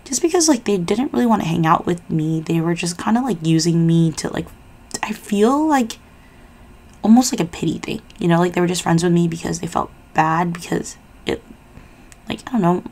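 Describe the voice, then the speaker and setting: A woman's voice: on the low side, normal speed, darkish tone. A young adult woman vlogger chatting casually and giving personal advice in an informal, rambling, confiding way.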